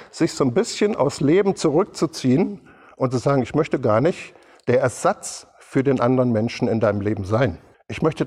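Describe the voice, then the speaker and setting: A man's voice: medium pitch, darkish tone, breathy edge. Casting note: middle-aged man preaching, chatty and direct with his congregation, voice ringing through a long hall echo. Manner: conversational preaching with asides to the congregation. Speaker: pastor. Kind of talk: sermon. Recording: reverberant hall sound.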